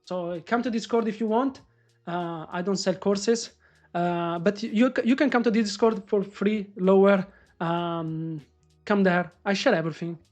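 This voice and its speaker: A man doing live trading commentary on a stream, excitable and swearing as he talks to the market. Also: high voice, a little slow. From Morocco. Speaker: day trader live-streaming.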